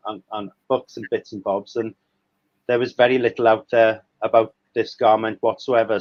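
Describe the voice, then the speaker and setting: A man's voice: lowish voice, no room sound. A Welsh man in his thirties, a guest historian talking hesitantly over a video call, with many fillers and restarts. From Wales. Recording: dry, slightly muffled video call audio.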